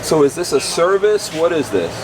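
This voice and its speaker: A man's voice: on the high side, big pitch swings, normal speed. A man from Guyana, a van life vlogger chatting casually and asking eager questions. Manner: curious, eager questions with frequent backchannel. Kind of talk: casual chat. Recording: crowd chatter behind.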